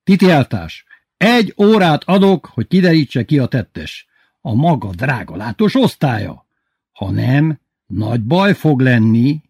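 A man's voice: mid-range voice, very animated, a little mellow, breathy edge, dry recording, clean studio sound, voice pushed up. A man voicing a furious, pompous male school principal and party official who bellows and stumbles over his words. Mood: shouting, ranting.

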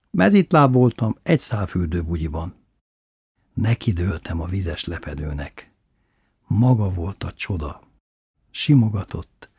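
A man reading a personal story aloud with an expressive, animated delivery. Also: on the low side, breathy edge, no echo, clean studio sound. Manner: lively, expressive reading with voiced characters.

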